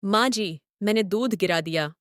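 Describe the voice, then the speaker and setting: A woman's voice: mid-range voice, normal speed, a bit bright, close to an everyday voice. A woman voicing a young new bride in a cartoon story who cries at everything and speaks in a tearful, apologetic way.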